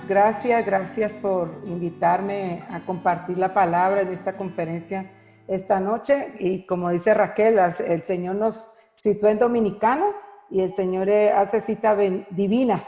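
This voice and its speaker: A middle-aged woman giving an earnest, heartfelt personal testimony at an online women's conference, pausing often as she speaks. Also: mid-range voice, mellow, reverberant, long reverb tail. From Colombia. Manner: earnest, heartfelt, halting with frequent pauses. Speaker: women's Bible teacher and speaker.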